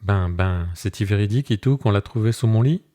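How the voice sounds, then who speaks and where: A man voicing a timid old peasant shepherd who speaks in a halting, repetitive rustic way. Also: fairly low pitch, dark tone, lightly acted.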